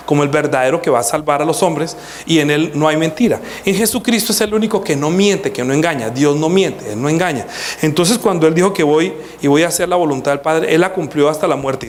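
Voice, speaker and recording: A man preaching a sermon as pastor, lively, acting out quotes and asking the congregation questions. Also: sits high.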